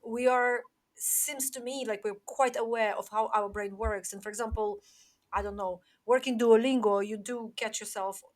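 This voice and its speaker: Reflective woman, halting as she talks. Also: a little high, steady tone. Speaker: panel participant. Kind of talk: casual discussion.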